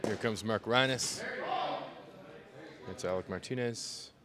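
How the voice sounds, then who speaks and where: A man's voice: lowish voice, slow pace, pushed and bright. A man giving easygoing, casual live commentary on a stream, with muttered asides. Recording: crowd noise behind the voice.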